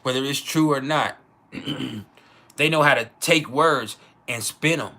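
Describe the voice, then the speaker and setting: Bright, forceful man talking casually on livestream. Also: medium pitch, measured pace, vocal fry. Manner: profane, slangy; repeats phrases for emphasis. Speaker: astrology livestream host.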